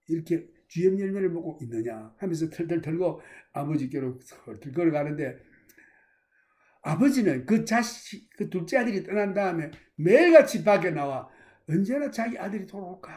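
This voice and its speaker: A male pastor preaching a sermon in a dramatic storytelling manner, swinging between loud emphasis and hushed lines. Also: sits high.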